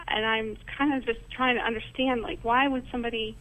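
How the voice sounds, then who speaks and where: A woman caller on a phone-in show, telling her story with lively quoted dialogue. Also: fairly high pitch, a little fast. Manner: animated, acts out quoted dialogue. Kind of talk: phone-in question. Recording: phone line.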